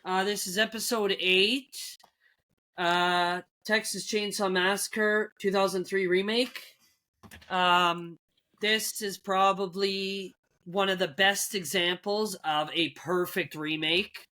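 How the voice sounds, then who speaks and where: Brief: thirties male podcast co-host, bright forward tone, halting delivery full of uh's. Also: sits high, fairly even intonation. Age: 30s. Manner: halting, lots of uh and restarts. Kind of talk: casual horror movie chat.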